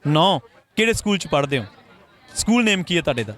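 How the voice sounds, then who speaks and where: A woman's voice: on the low side, very animated, fairly quick, a faint crowd. A woman reporter interviewing people with a handheld mic at a Sikh temple street procession, asking friendly, coaxing questions. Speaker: reporter host.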